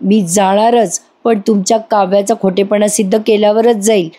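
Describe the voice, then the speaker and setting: A scornful, scheming older woman from a TV serial, accusing and cutting, read by a woman narrator. The voice stays mellow and sits at a middle pitch. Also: fairly even intonation, moderate pace, natural voice.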